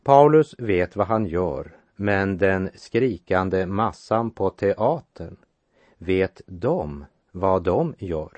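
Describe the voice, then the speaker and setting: A man giving a measured sermon that explains Bible passages and reads verses aloud. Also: low voice, animated, a little mellow, no room sound, highs cut off. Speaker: preacher. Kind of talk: radio sermon, Bible exposition.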